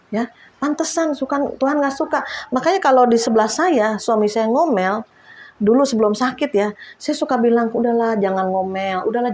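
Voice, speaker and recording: A woman's voice: on the high side, a little mellow. A woman in her fifties, an evangelist preacher, giving a chatty sermon testimony and often laughing as she talks to the congregation.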